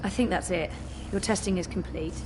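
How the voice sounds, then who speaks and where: A woman's voice: fairly low pitch, brisk, background noise, close to an everyday voice. An actress playing a weary but kind young woman in a video game, dry, understated and conversational. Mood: weary, patient. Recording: music behind the voice.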